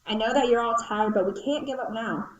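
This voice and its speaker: A woman's voice: a little high, a little fast, echoey room, a little hiss or hum, natural voice, rough recording. A woman voicing a determined female worker bee who leads her colony in an amateur audio drama. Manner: resolute, rallying.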